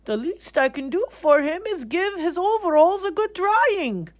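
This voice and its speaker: Woman doing a young artist guy from a kids book, kind and curious, thinking out loud, really swoopy high voice. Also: very animated, a little slow, full character voice. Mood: kind concern. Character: kindly, curious, exclamatory young male artist.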